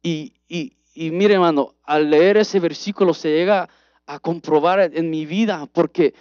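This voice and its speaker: A man preaching a personal testimony sermon in an earnest, halting way with many restarts. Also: on the high side, a little mellow, no echo. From United States. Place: church. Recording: dull, dry livestream audio.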